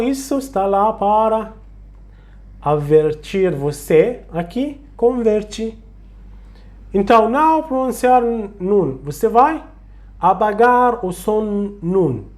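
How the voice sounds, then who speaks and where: Slow, patient recitation teacher. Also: mid-range voice, darkish tone. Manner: slow, patient, repeats sounds and words to demonstrate. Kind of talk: slow tutorial on Quranic recitation rules.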